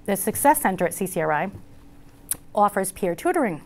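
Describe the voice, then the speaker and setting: A woman's voice: mid-range voice, very animated, fairly quick. A woman student telling her story in an interview, earnest and heartfelt, with many "you know" fillers. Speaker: community college student. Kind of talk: interview testimonial.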